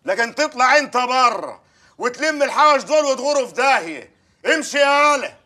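An actor playing a lecherous, bullying village mayor, wheedling one moment and blustering the next. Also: male voice, very high-pitched, expressive, brisk, sharp tone, exaggerated voice. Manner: wheedling, then blustering and threatening. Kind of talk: film acting.

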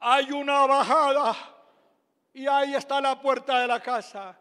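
Slow, high-voiced older Venezuelan pastor. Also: male voice, steady tone, long reverb tail. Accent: Venezuelan Spanish. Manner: dramatic, emphatic, bursts into shouts. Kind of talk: sermon testimony storytelling.

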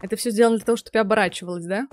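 A woman's voice: mid-range voice, steady tone, racing. A young adult woman giving casual muttered commentary on a horror game as she plays, reacting aloud. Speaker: game streamer. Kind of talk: horror game let's play commentary with read-aloud subtitles.

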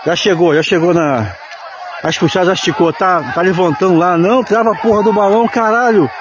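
A man giving excited, swearing live commentary at an outdoor balloon launch, calling out and mock-praying as he films. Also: high-pitched, fairly quick. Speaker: balloon enthusiast filming a launch. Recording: outdoor phone recording with loud crowd noise.

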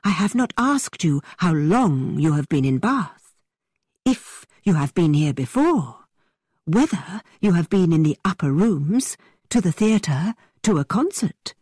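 A woman voicing a witty, playful young gentleman who teases in a mock-theatrical way. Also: fairly low pitch, big pitch swings, measured pace, husky, no echo, studio quality, full character voice. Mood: teasing.

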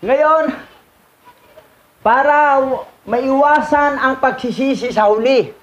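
A man's voice: very high-pitched, takes it slowly, a bit bright. A man teaching as a religious instructor, commenting on a reading in a casual, repetitive way, chuckling and mixing in English words.

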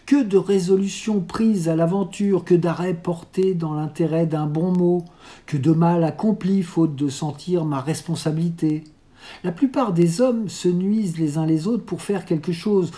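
A mellow, warm voice reads an old novel aloud at a measured, unhurried pace. The delivery stays literary and steady, with a middling pitch. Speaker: audiobook reader. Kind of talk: reading a classic novel aloud.

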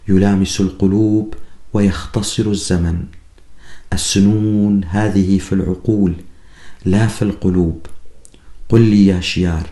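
A man voices a brooding young student in love who muses earnestly and poetically. The voice sits low and mellow. Everything carries the echo of a roomy space. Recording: echoey room.

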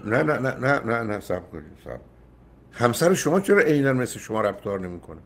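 A man's voice: mid-range voice, very animated, a bit bright. An older man hosting a call-in advice show, emphatic and often cutting in with repeated no's. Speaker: radio psychologist host.

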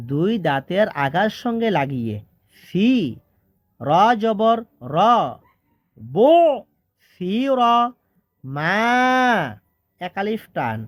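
A Quran reading teacher who spells out each syllable slowly, then chants the whole word in a drawn-out tone. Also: medium pitch, no echo, studio quality. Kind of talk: slow letter-by-letter spelling lesson with chanted recitation.

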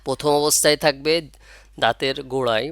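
A man teaching Arabic letter pronunciation, repeating sounds slowly and asking and answering his own questions. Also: medium pitch, fairly even intonation, a bit bright, clean tone, dry recording, clean studio sound. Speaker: Quran reading teacher. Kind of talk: step-by-step pronunciation lesson.

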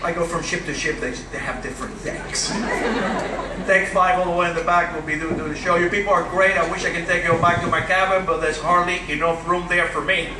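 A man doing a stand-up set on a big theater stage, punchy and teasing the crowd. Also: sits high. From Cuba. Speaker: stand-up comedian. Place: large cruise ship theater stage. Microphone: handheld mic, filmed from far back in the hall. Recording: roomy theater sound from far off, loud crowd and noise.

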